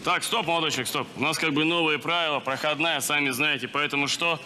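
A young man performing stage sketch comedy as a contestant, delivering setups in a brisk, deadpan way. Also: on the high side. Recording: loud crowd and stage noise.

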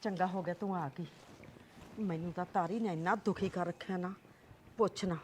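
A woman's voice: fairly even intonation, normal speed, a little mellow, a little hiss or hum, natural voice. An actress with a Punjabi accent playing an older mother who complains about her son's girlfriend in an exasperated way. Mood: complaining. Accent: Punjabi (Malwa). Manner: complaining, exasperated, rising pitch. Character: grumbling older mother of a son, fed up with his girlfriend. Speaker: actor in a short film.

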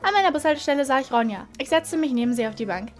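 A woman's voice: sits high, animated, rapid-fire, faint music behind. A young woman in her twenties, a YouTuber, reading fanfiction aloud and chatting amused comments in between. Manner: chatty, amused asides between read passages.

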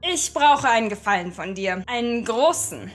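A woman's voice: a little high, expressive, normal speed, faint music behind, pitched above the performer's own voice. Woman putting on a sly talking crow. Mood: conspiratorial. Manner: hushed, conspiratorial whisper. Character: scheming talking crow, sly and foul-mouthed. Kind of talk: audio horror story reading.

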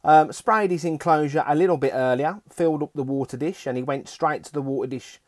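A man's voice: a little high, brisk, dry recording, studio quality. A man with an Australian accent, an adult father, giving a casual and chatty update on his collection with many fillers. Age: adult with children. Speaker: hobbyist vlogger.

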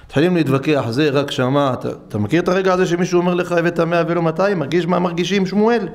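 A man, a rabbi, giving a storytelling sermon in a synagogue, acting out dialogue and speaking straight to his listeners. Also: fairly high pitch. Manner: animated, acts out dialogue, addresses listeners directly. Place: synagogue hall, live-streamed.

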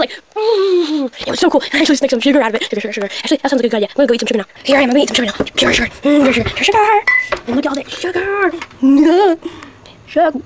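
A woman's voice: sits high, a little hiss or hum. A young woman playing a hyper twelve-year-old boy obsessed with sugar, giddy and repetitive in a homemade comedy skit.

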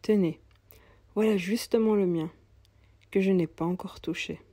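A woman's voice: medium pitch, moderate pace, breathy edge, dry recording, natural voice. A woman playing a kindly old cobbler. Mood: coaxing. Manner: warm, coaxing and fatherly.

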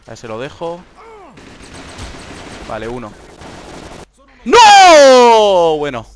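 A young man from Spain with a Spanish accent, hosting live gameplay commentary, swinging from hushed whispers to excited shouts. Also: mid-range voice, moderate pace, slight background noise. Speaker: gaming channel host.

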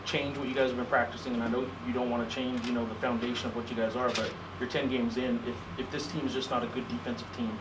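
A man, a sports reporter, asks a coach questions in a quick, flat monotone. He is picked up from across an echoey room, with steady noise behind him. The sound is distant and roomy. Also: mid-range voice. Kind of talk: press conference questions.

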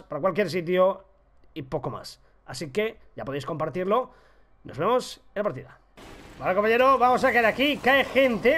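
A man with a Spanish accent from Spain narrates his own gameplay as he plays. His voice sits high and swings wildly in pitch, flying into loud excited outbursts and self-mocking jabs. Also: a little hiss or hum. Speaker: gaming YouTuber. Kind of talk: live gameplay commentary.

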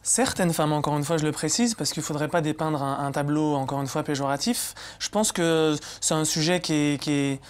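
A man's voice: a little high, a little fast, hardly any pauses, clear, resonant tone. A young man, a guest in a TV studio, answering while repeating words as he searches. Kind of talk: studio interview. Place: TV studio, indoors.

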